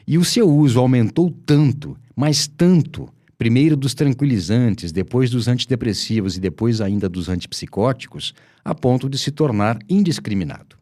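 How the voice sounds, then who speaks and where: A man's voice: medium pitch, darkish tone. Brazilian man reading a letter aloud. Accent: Brazilian Portuguese. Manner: formal, emphatic reading.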